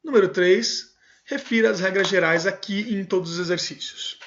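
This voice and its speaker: A man with a fairly high voice teaches a music lesson. He reads textbook passages aloud and then explains each one in a relaxed, conversational way. The recording sounds dull and lo-fi. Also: moderate pace, a little hiss or hum.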